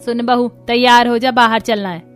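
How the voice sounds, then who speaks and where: A woman's voice: on the high side, fairly even intonation, normal speed, clear, resonant tone, soft background music, close to an everyday voice. A woman voicing a brusque, commanding older mother-in-law in a cartoon story. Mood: curt. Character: older mother-in-law, gruff but doting.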